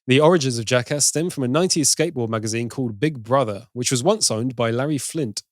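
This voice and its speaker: A British man co-hosts a film podcast, reading trivia at length in a middle-pitched voice. He breaks off to laugh easily between facts. The recording is dry and close. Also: fast, dry recording. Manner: reads trivia in long runs, laughs easily. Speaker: podcast co-host.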